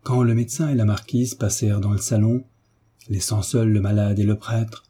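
A male audiobook narrator reading a novel in a steady, measured way. His voice is dark and very husky, set on the low side.

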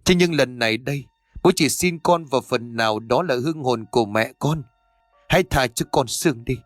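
A man's voice: mid-range voice, normal speed, no echo, soft background music, close to an everyday voice. Brief: man playing a guilty, pleading father, close and dry. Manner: humble, pleading, apologetic. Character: remorseful aging father begging forgiveness.

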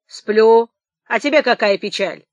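Gruff ex-soldier watchman, grumbling, as a woman reads him. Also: a little high, unhurried, no echo, lo-fi sound, close to an everyday voice.

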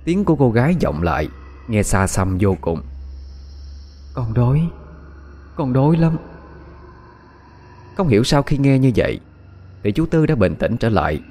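A man with a Southern Vietnamese accent narrating a ghost story in a calm, measured way. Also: on the low side.

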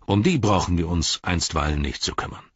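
A sturdy hobbit farmer, as a male reader plays him, deep and husky, laying out matters plainly. His tone stays steady and practical. The sound is dry and a touch muffled. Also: brisk, no echo. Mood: matter-of-fact. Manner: matter-of-fact, explaining. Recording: dry, slightly dull studio sound.

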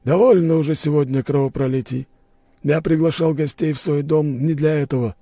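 A calm, commanding nobleman, played by a male reader restores order at his own house. The voice is lifted above the reader's deep, mellow register and stays steady and firm. It sounds like an audiobook character. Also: brisk, no room sound. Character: authoritative older host nobleman, calm.

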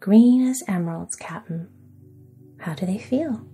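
Cheerful little girl done by a woman, whispered role-play, slow, mellow tone. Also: mid-range voice, breathy edge, faint music behind, full character voice. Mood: eager. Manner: soft and hushed.

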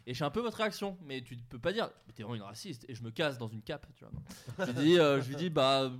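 A man's voice: medium pitch, lively intonation, fast talker. A man telling a funny personal anecdote to friends around a table, with lots of fillers and laughs. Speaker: podcast co-host. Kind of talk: casual storytelling chat.

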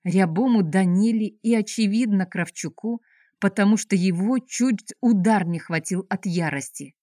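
A woman reading a novel aloud as narrator, in a measured, expressive way. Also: mid-range voice, dry recording, studio quality. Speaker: audiobook narrator. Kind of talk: scripted narration.

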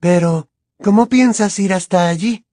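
A woman voicing an odd, dreamy teenage girl witch who speaks with calm detachment. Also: mid-range voice, unhurried, dry recording, voice pushed down, close to an everyday voice. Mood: serene, dreamy.

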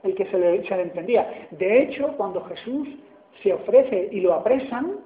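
A man's voice: high-pitched, expressive, moderate pace. Male Andalusian preacher, conversational sermon, roomy echo and thin phone-like audio. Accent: Andalusian Spanish. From Spain. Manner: conversational, asks "¿no?" often. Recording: echoey hall over a tinny line.

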